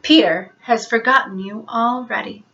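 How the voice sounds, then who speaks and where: A woman's voice: on the high side, moderate pace, bright, forceful tone, dull audio. A woman voicing a sly, gloating male pirate captain, sneering and scheming, in a storybook.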